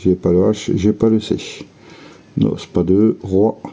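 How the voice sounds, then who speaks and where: Slow, low-voiced man muttering to himself. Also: flat delivery, vocal fry, mellow. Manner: slow, methodical, muttering letters and words to himself. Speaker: scratch-ticket vlogger. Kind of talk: casual running commentary while scratching tickets.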